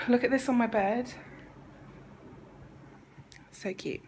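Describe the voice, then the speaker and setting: A young woman chatting casually to her phone camera in a travel vlog, often slipping into breathy half-whispered asides. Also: fairly high pitch, very slow, pushed and bright, slight background noise, low-quality recording. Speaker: vlogger.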